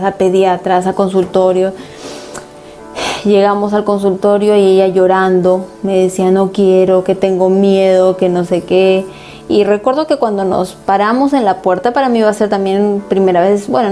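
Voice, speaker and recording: A woman's voice: medium pitch, warm tone. A woman pastor preaching a sermon and earnestly recounting a personal family story as testimony.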